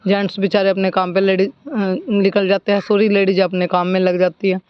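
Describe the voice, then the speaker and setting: Woman, 30s, village vlogger, rambling casual chores commentary, smooth clear tone. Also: medium pitch, flat delivery, brisk, no room sound. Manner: chatty, rambling, talks to viewers while working. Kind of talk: casual running commentary while doing chores. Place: outdoors at a village home, by a water tap. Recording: slightly dull recording.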